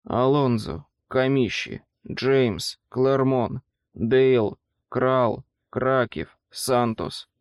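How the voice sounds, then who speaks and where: A man voicing an exhausted male expedition leader who talks slowly, strained and worn out. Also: medium pitch, clean tone, no room sound. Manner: slow, strained, worn-out speech.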